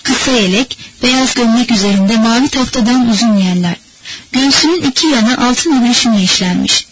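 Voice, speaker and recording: Woman, audiobook narrator, measured steady reading, fairly high voice, faint background noise. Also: low-quality recording. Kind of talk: scripted narration.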